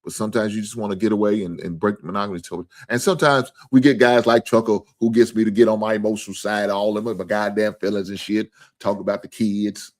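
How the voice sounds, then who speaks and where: A man's voice: lowish voice, steady tone, fast talker, a little mellow. A man hosting a live sports stream in casual, profane talk, earnest and repetitive.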